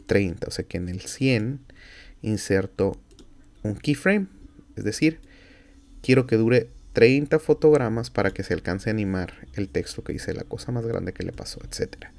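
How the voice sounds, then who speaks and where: This Mexican university instructor speaks in a low, darkish voice with a gravelly edge while recording a screen tutorial at his computer. Like a patient classroom teacher, he walks through every click one step at a time, pausing for fillers and minor corrections.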